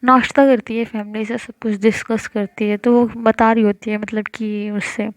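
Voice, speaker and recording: A woman's voice: fairly high pitch, level tone, normal speed, a little hiss or hum. A woman telling a love story in casual narration, rambling with many filler words and self-corrections.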